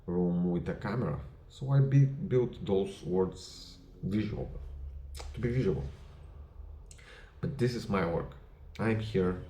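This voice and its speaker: A low-voiced man with a Bulgarian accent, a non-native English speaker, addresses the camera about his history channel. He talks in measured, deliberate short phrases with small grammar slips, his mellow voice carrying a roomy echo. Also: a little hiss or hum.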